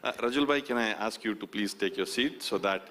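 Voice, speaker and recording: A man's voice: lowish voice, brisk, a bit bright. A man with an Indian accent hosting a live event, switching between English and Hindi and repeating words to hurry people along. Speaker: event host. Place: conference stage with audience.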